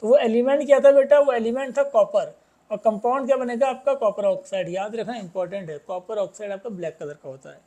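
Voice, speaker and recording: High-voiced man teaching chemistry. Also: mellow. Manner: addresses students as "beta", keeps asking if it is clear; reads English questions slowly, explains in Hindi. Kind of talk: chemistry lesson.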